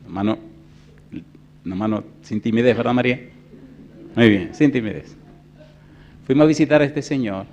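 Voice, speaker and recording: A pastor in his fifties preaching a sermon, telling a story in a hushed voice and then rising to loud preaching. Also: mid-range voice, moderate pace, pauses often, highs cut off, slight background noise. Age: 50s. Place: church.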